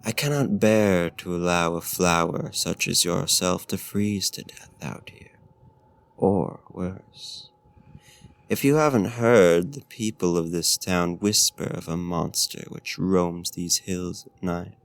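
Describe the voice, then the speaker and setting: A man voices a courtly vampire host in a slow, intimate ASMR roleplay, fully in character, with a low, gravelly, deep voice. His phrasing is formal, archaic, courteous and flirtatious, and he comes across as smooth, coaxing, gently menacing and seductive.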